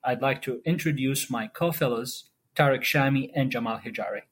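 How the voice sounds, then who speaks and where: A man's voice: medium pitch, normal speed, fairly bright tone, slightly rough. A man from Saudi Arabia, a cardiology fellow, giving a polite, formal self-introduction as a podcast guest.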